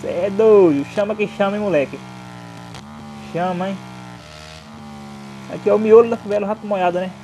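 A young man with a Brazilian accent talks fast and excitedly in a high voice, stacking slang and tag words as he hosts his own motorcycle vlog. A faint hiss and vehicle noise sit behind him. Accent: Brazilian Portuguese. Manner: hyped, slangy, repeats tag words like "né" and "hein". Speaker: motovlog host.

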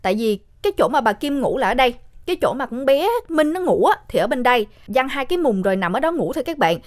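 Her pitch is high and swings widely as she talks at a quick pace. This young storyteller chats her way through a horror film's plot, addressing her audience directly in a casual spoken retelling.

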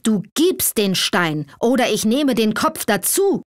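A proud old sultan, stern and quick to fury, barks his commands in an audiobook fairy tale, read by a woman. The voice is close and dry, with no room sound. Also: sing-song, no room sound. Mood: furious. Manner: commanding, booming outbursts.

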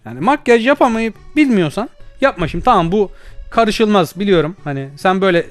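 Brief: young male gamer, high voice, rapid-fire teasing commentary, faint music underneath. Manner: excitable, teasing, bursts of shouting and laughter. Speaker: gaming YouTuber. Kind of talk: playful VR gameplay commentary.

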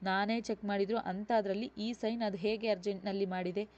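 A woman's voice: medium pitch, fairly even intonation, brisk, a little mellow, natural voice. A woman voicing a stern suspicious older brother. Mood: accusing. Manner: accusing questions. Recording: dull lo-fi recording.

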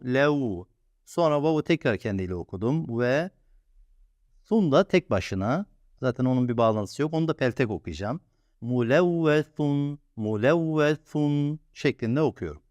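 A patient male teacher leads a step-by-step reading lesson, sounding out each syllable and repeating it slowly. His voice sits at an ordinary middle pitch. The recording is dry and close, with no room sound. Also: darkish tone, dry recording.

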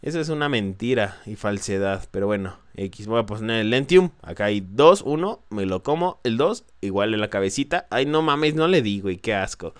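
A young Mexican man talking through a horror shooter he is playing, full of nervous yelps and curses. His voice sits low and is smooth and clear. It is recorded close and dry, with no room around it. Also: animated, normal speed, hardly any pauses, no room sound. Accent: Mexican Spanish. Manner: jumpy, swearing, nervous exclamations. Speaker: gameplay commentator. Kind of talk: let's play commentary.

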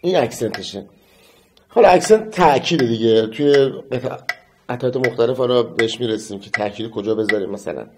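A man teaching metronome practice in a casual lesson, counting beats aloud and humming a melody slowly. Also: medium pitch, background noise. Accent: Persian. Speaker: music teacher.

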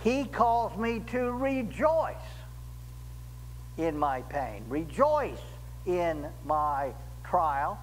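An older man preaching a sermon as pastor in a church, slow and deliberate, rising emphatically on key words, recorded at a pulpit microphone. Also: on the high side, very animated, long reverb tail, a little hiss or hum, rough recording. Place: church sanctuary.

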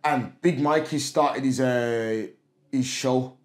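A man with a mid-range voice speaks slowly, spinning stories as a podcast guest in a loose, slangy style and often repeating himself. It's easygoing storytelling chat, and the room gives it a noticeable echo.

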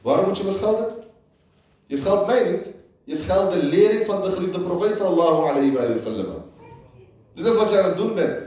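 A man's voice: high-pitched, animated, a little fast, pauses often, warm tone. A man giving a sermon as a religious lecturer, who repeats lines for emphasis and half-sings quoted lyrics. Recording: echoey hall, voice picked up from far off.

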